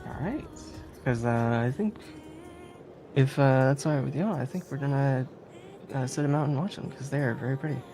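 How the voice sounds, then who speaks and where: A speedrunner presents a game run with casual live commentary, chatty and giggly, hesitating a bit while explaining. The voice is mid-range and warm at a moderate pace, with game music playing behind it.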